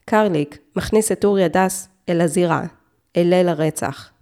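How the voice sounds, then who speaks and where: A woman narrating a true-crime story, reading in a measured way with short, clipped phrases. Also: on the low side, darkish tone. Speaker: podcast narrator.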